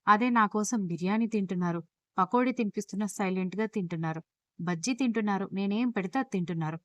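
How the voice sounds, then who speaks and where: A woman's voice: mid-range voice, fast, dry recording, close to an everyday voice. A woman voicing a playful, chatty young wife in a read-aloud audio story.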